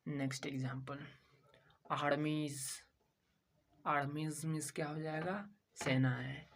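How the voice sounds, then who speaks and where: A man's voice: on the high side, level tone, moderate pace, creaky. A man from India teaching a language lesson. He spells out words letter by letter, repeats each one, and asks questions that he answers himself. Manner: repetitive drilling of each word. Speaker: English teacher.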